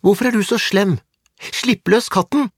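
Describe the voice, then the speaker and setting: A man voicing a brave, angry young village girl in a storybook, speaking in a high, indignant voice. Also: very animated, no room sound, studio quality. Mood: furious.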